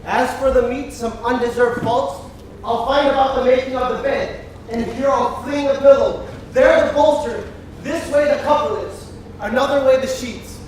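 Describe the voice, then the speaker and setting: A man's voice: very high-pitched, fairly even intonation, moderate pace, a little mellow. A man acting a swaggering, domineering bridegroom on stage, declaiming verse and barking orders, heard from far off in an echoey hall with faint noise. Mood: scheming. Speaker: stage actor. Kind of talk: live Shakespeare stage acting. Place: theater stage. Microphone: far room mic.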